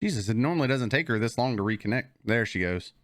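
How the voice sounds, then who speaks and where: A man's voice: medium pitch, lively intonation, fast talker, slight background noise. A man who is a military veteran, playing in an online tabletop game, joking around and swearing freely. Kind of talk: casual chat at the game table.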